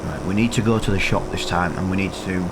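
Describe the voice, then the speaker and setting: A gaming channel host with a low-pitched, congested voice moves at a quick pace, sniffling as he casually talks through a farming game let's-play with lots of fillers, background noise audible.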